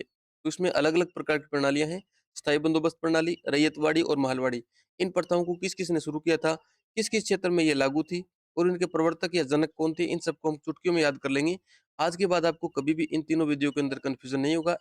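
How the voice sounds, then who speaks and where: A man's voice: on the high side, steady tone, fast talker, no echo, studio quality. A man teaching an exam-prep history lesson, repeating key questions and answers and calling his viewers friends. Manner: repetitive question-and-answer drilling; addresses viewers as friends often.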